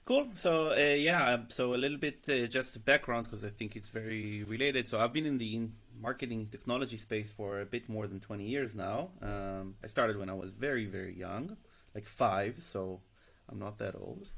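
Man, gravelly, rusty morning voice, casual, chatty, frequent fillers. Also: medium pitch, fairly bright tone. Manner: chatty, joking, many fillers. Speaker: podcast guest, startup founder. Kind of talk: casual interview talk.

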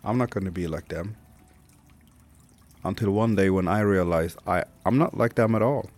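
A Swedish man in his thirties hosts a podcast as a candid, reflective monologue, swearing casually along the way. He has a deep, slightly mellow voice, a Swedish accent and a moderate pace.

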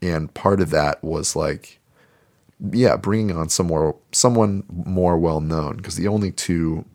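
Very deep-voiced man chatting casually. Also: measured pace, darkish tone. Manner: laid-back, rambling, filler-heavy. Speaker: podcast co-host. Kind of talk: casual movie review chat.

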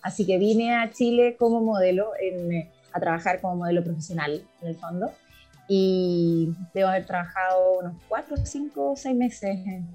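A woman's voice: on the low side, normal speed, dark tone. Middle-aged woman interview guest, chatty storyteller, faint music bed. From Argentina. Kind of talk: casual interview talk.

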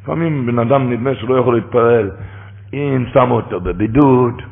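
A man's voice: mid-range voice, creaky. A man preaching a fervent sermon, rising to emphatic cries. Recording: tinny phone-line radio broadcast.

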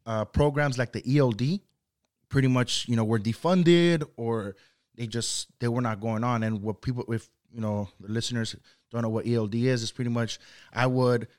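His voice is mid-range and a little mellow, moving at a moderate pace. The speaker is a young Mexican man whose native tongue is Spanish, casually rambling through a podcast interview as a guest, sprinkling in lots of "like" and "you know."

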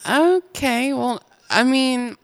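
A woman's voice: high voice, takes it slowly. A woman co-hosting a podcast in casual chat, teasing her co-host and laughing often.

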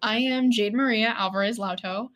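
A woman's voice: on the high side, normal speed, fairly bright tone. A woman of twenty-two from Florida, speaking as a guest in a casual interview, thoughtful and conversational with frequent fillers. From Florida, United States. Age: 20s. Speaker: podcast guest.

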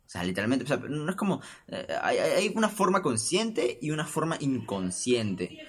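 A man's voice: mid-range voice, big pitch swings, normal speed. A young man with a Peruvian accent hosting a casual solo podcast, rambling with stammering restarts and acting out the voices in his stories. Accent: Peruvian Spanish. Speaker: podcast host.

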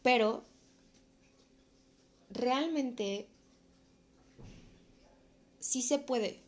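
A woman's voice: on the high side, extremely slow. Young mexican woman doing a vlog monologue, earnest and encouraging, casual slangy talk. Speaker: vlogger.

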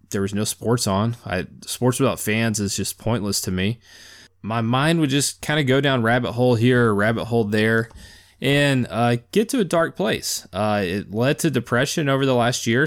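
A man in his thirties hosting a podcast, talking casually and rambling in an even-keeled, down-to-earth way with lots of fillers. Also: mid-range voice. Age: 30s. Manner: laid-back, even-keeled, self-described down-to-earth; rambling with many fillers and restarts. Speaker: podcast host. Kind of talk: casual solo monologue.

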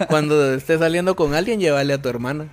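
A man's voice: fairly high pitch, fast talker. A man co-hosting a casual chat, teasing and joking.

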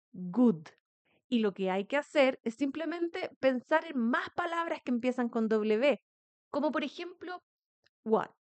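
A woman, a native Spanish speaker, hosting a pronunciation lesson podcast and leading slow repetition drills. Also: a little high, no room sound. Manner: slow, clear, instructive, leads repetition drills. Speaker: English teacher, podcast host.

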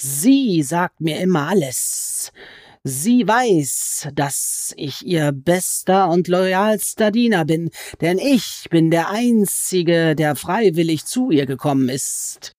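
A woman voicing a sly, menacing male goblin who is a fanatically loyal servant, speaking in a slow, drawn-out, hissing way. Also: lowish voice, animated, a little mellow, no room sound, studio quality, pitched above the performer's own voice. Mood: gloating, indignant.

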